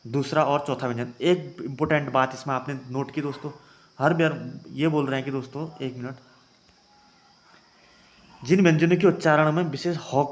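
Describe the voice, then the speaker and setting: A young man teaching an exam-prep grammar lesson, calling his viewers friends and having them try each sound aloud. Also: mid-range voice. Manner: addresses viewers as friends, repeats points.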